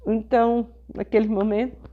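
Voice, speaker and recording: A middle-aged woman pastor, telling a personal testimony in a sermon with slow, emotional storytelling. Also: a little high, level tone, phone-quality sound.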